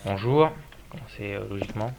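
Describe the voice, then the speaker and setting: A man's voice: on the low side, a little fast, vocal fry, noisy background. A tired man working as a game server admin, scolding players in casual gameplay commentary. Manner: exasperated, scolding players about respect.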